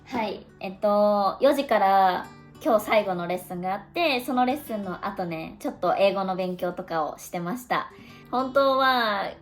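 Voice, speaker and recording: A woman's voice: medium pitch, animated, faint music behind. Chatty young woman vlogging her day. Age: 20s. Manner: chatty, thinking aloud, drawn-out words. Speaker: online Japanese teacher. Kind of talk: casual vlog narration.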